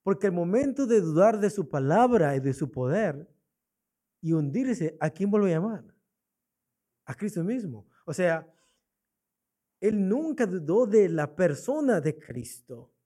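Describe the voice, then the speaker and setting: A man's voice: high voice, sing-song, measured pace, long pauses, mellow. A man preaching a sermon in a church, asking his congregation rhetorical questions and repeating his key points. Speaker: pastor.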